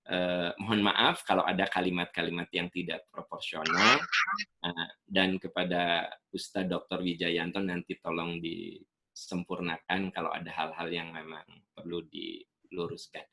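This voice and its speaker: A middle-aged man giving an Islamic lecture, animated and fond of acting out what people say. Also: low-pitched, unhurried, gravelly. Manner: animated, acts out quoted speech. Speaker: invited Islamic speaker.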